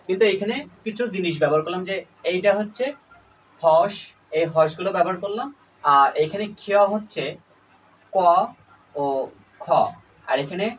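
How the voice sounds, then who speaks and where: A man's voice: high-pitched, fairly bright tone, highs cut off. Guy teaching a lesson, repeats every point and asks questions, sits back from the mic, faint hum behind. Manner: repeats key points and quizzes the viewers. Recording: voice a little far from the mic, faint room noise.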